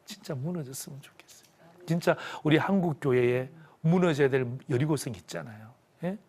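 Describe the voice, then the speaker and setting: A middle-aged male pastor teaching a televised Bible class. He talks in an animated way, acts out scenes and leads the audience in call-and-response. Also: a little high, a little fast, husky. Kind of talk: lively televised Bible lesson.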